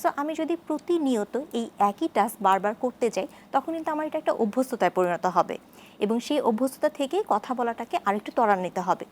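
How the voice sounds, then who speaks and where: A woman with a high voice explains therapy methods as a guest on a studio talk program. She talks in a measured, patient way and comes back to key terms again and again. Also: animated, a little mellow, a little hiss or hum.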